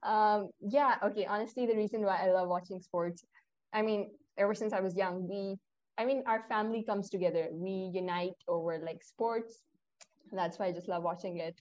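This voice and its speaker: A woman's voice: mid-range voice, fairly even intonation, moderate pace, a little mellow, highs cut off. A young woman, hosting a casual podcast and chatting straight to her listeners, often correcting herself as she goes. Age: young adult. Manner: chatty, addresses listeners directly, self-correcting. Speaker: podcast host.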